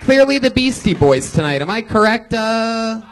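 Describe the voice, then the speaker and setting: A man hosting a live comedy show, excitedly calling out guesses and laughing as performers come on stage. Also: very high voice, normal speed, a little hiss or hum. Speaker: host.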